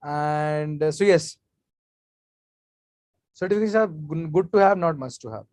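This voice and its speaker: A man talks casually in a live online session, giving off-the-cuff advice as he answers questions from the chat. His voice sits a little high for a man. The sound is dry, with no room echo. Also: a little slow, a little mellow. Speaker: guest speaker at an online security meetup.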